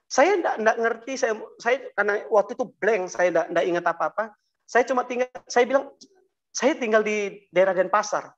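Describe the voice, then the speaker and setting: Man giving a halting personal testimony. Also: very high-pitched, dull audio. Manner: halting, many fillers and restarts, addresses audience as Bapak Ibu. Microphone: video call.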